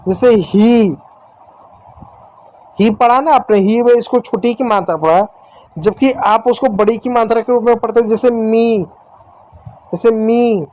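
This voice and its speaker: A man teaching young children letter sounds in a patient, repetitive way, slowly sounding out letters and speaking to the children directly and affectionately. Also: very high voice, darkish tone, rough recording. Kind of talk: phonics lesson for young children.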